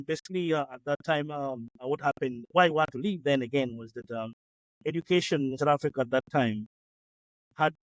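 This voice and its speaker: A man's voice: mid-range voice, no room sound, rough recording. A man in his late forties from Uganda, a guest telling his story in an interview, hesitant with many fillers and restarts. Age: late 40s. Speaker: guest entrepreneur. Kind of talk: conversational interview.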